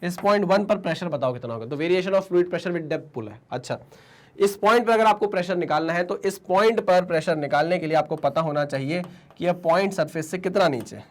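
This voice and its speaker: Male physics tutor, slightly higher voice, hoarse today, Indian-accented English, call-and-response drilling. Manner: Hinglish call-and-response teaching, answers his own questions. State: sore throat. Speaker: physics teacher. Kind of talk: online exam-prep lecture.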